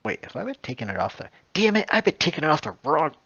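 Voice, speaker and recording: A man's voice: fairly high pitch, very animated, fast, bright, forceful tone, slightly rough, no echo, lo-fi sound. A man playing a tabletop game over voice chat, chatty and laughing, muttering his dice rolls. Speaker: player.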